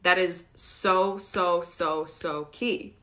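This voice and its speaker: A woman hosting a casual live Q&A, relaxed and chatty, often laughing as she answers viewers. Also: on the low side, extremely slow. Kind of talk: casual livestream Q&A.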